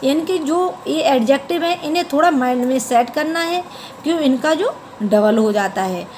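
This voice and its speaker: A woman gives a grammar lesson in a high voice. She explains patiently, repeating each word form and spelling it out. A faint hiss of room noise sits behind her. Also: expressive, moderate pace, darkish tone, low-quality recording. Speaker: teacher.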